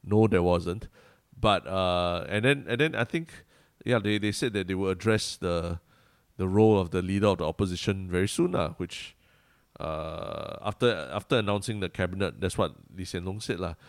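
A man with a Singaporean accent and a fairly low voice co-hosts a casual podcast. His talk is conversational and sprinkled with Singlish particles. The sound is dry, with no room echo. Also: normal speed. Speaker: podcast co-host.

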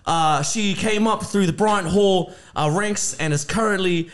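A man's voice: high-pitched, a little slow. A man with a Māori New Zealand English accent hosting a podcast in casual, jokey, sweary chat sprinkled with Māori words. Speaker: podcast host.

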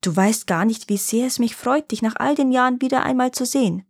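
A woman voicing a vain, greedy rich landowner who is quick to anger and later pleads sweetly. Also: medium pitch, lively intonation, darkish tone, no room sound, studio quality. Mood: pleading. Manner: haughty, then honey-sweet and pleading.

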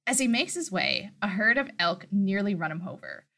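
A woman's voice: medium pitch, expressive, moderate pace, pushed and bright. A woman co-hosting a podcast, reading and recapping a story with amused, chatty asides. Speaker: podcast co-host. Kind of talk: casual chat and story recap.

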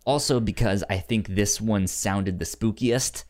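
Discussing films informally on a podcast, a co-host of indeterminate sex keeps stammering and doubling back on words and syllables. Low-pitched and darkish, the voice keeps a measured pace.

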